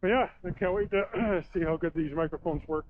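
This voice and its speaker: A man with a slightly high voice talks casually as he walks outdoors, speaking into strong wind. He sounds like an informal vlogger addressing viewers. The camera's built-in microphone picks up clear wind noise around his words. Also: a little fast, phone-quality sound. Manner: talking into strong wind, with throat-clearing and puffing. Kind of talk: casual walking vlog chat. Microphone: built-in action camera microphone.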